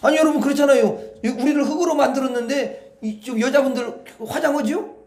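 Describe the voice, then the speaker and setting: A male pastor with a very high voice preaches fast in a folksy, animated way, rambling and speaking directly to the congregation. His sermon echoes around a roomy hall.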